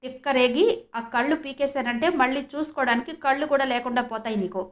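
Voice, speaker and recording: An angry, possessive young man snaps and threatens, loud and sneering, as a woman reads him in an audiobook. The voice sits fairly high and pushes hard. The reading is steady and clean. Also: brisk, natural voice.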